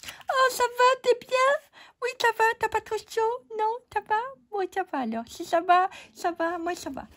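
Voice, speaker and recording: A woman putting on a squeaky little cartoonish voice that chats back and forth with itself. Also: moderate pace, a bit bright. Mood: silly chatter.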